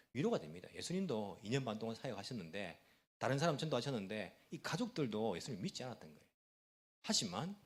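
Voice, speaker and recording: Lively Korean pastor preaching a sermon. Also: male voice, mid-range voice. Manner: lively, asks the congregation questions and answers them; fast-talking, self-aware, chuckles at himself. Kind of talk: Sunday sermon. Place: church sanctuary.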